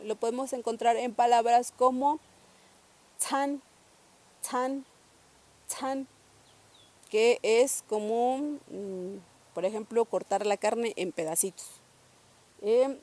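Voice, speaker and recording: A woman's voice: fairly high pitch, dark tone. A young woman from Mexico, patiently teaching a pronunciation lesson and repeating each sound several times. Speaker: language teacher.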